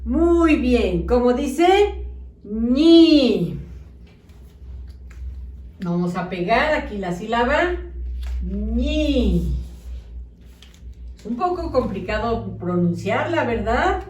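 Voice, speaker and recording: A woman teaching children a phonics lesson, sounding out syllables slowly and clearly. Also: on the high side, sing-song, darkish tone, recorded from a distance. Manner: slow, exaggerated sounding-out of syllables. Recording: echoey room, voice off-mic.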